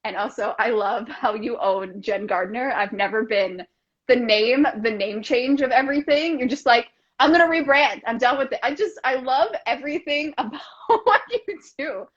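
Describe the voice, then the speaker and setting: A woman in her thirties chats as a guest over a video call, effusive and gushing as the words tumble out in rushes. Her voice sits a bit high, and the call audio comes through dull and lo-fi. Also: fairly bright tone. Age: 30s. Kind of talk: casual video chat.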